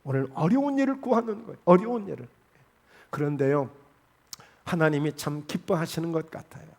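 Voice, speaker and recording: A man's voice: a little high, a little fast, creaky, a little mellow. A man preaching a Friday evening sermon in church, acting out quoted voices. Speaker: pastor. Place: church sanctuary.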